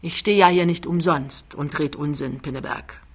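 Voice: medium pitch, normal speed, breathy edge, natural voice. A reader voicing a big, talkative, overbearing man who confides and gossips. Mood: confiding.

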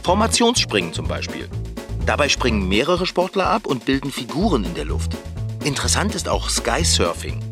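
A man playing a cheerful, optimistic bicycle repairman in a children's radio play, excitable and husky. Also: normal speed, over music. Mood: excited. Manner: excitable, swoops wildly in pitch.

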